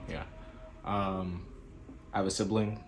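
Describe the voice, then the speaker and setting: A man's voice: deep voice, flat delivery, slow pace, gravelly, faint music behind, poor audio. A man, introducing himself casually in a laid-back, rambling way. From Queens, New York. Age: early 20s. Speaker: podcast host.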